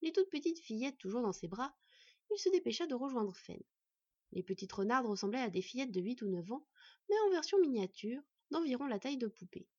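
A woman reading a fantasy story aloud in an expressive storytelling manner. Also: a little high, fairly quick, breathy edge, dry recording. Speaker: audiobook reader. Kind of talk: scripted fantasy narration. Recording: dull lo-fi recording.

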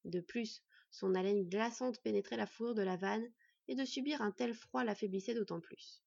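A woman narrating a fantasy story in a measured storytelling way. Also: medium pitch, gravelly, a little mellow, no room sound. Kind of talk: scripted narration. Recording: dry, slightly dull recording.

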